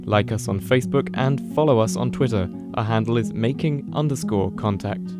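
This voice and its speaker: A man reading a station announcement in a steady, promotional manner. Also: on the low side, normal speed. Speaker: radio announcer. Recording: read over guitar music.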